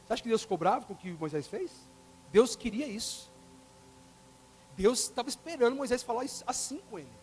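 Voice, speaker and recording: High-voiced, animated preacher man. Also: a little fast, pauses often, slightly rough. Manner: animated preaching, acting out quoted dialogue, swinging between loud and soft. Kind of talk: sermon.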